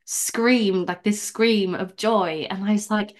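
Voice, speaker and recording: A woman's voice: medium pitch, slow pace. Chatty young woman telling a story. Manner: chatty, animated storytelling with many "like" fillers. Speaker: podcast guest. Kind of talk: casual interview chat.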